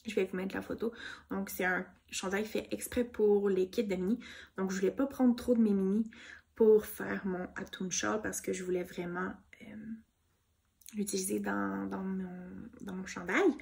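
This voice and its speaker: A woman with a Québécois accent chatting casually about her knitting projects, soft-spoken and gushing, with many fillers. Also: mid-range voice, fairly even intonation, moderate pace, creaky. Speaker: knitting vlogger. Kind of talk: casual show-and-tell chat.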